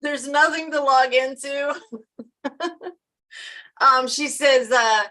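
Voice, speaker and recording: Casting note: woman, live-stream co-host, bright voice a touch high, chatty and giggly. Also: fairly even intonation, slow pace, rough recording. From Maryland, USA. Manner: laughs often, chatty with restarts. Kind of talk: casual live-stream chat.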